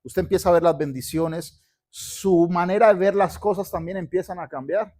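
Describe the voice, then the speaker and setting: A man's voice: high-pitched, normal speed, darkish tone. Fervent Colombian-born male pastor preaching. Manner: fervent preaching, calls for congregation responses. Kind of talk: sermon with church announcements. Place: church sanctuary.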